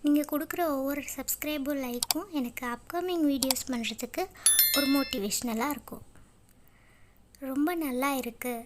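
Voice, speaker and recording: A woman with a Tamil accent giving a language lesson, saying each sentence and then repeating it slowly and clearly. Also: high-pitched, slight background noise. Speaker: English teacher.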